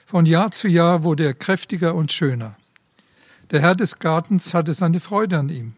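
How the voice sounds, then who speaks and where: A man's voice: on the high side, unhurried, no room sound. A man giving a devotional talk in a solemn, reverent way and reading a story aloud. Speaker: preacher.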